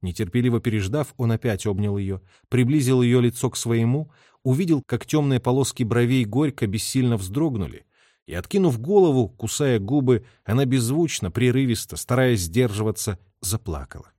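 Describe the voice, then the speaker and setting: A man's voice: mid-range voice, normal speed, warm tone, no room sound. A man reading a novel aloud as a narrator, telling the story expressively into a close mic. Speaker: audiobook reader. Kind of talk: literary narration.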